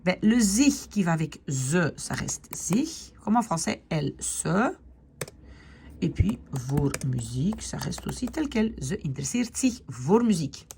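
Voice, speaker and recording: Slow, lively, gravelly-voiced woman teaching. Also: fairly low pitch, slight background noise. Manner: explains step by step, often checks with "d'accord?" and "ok?"; slows down to spell out Dutch words. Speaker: Dutch teacher. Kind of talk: online grammar lesson.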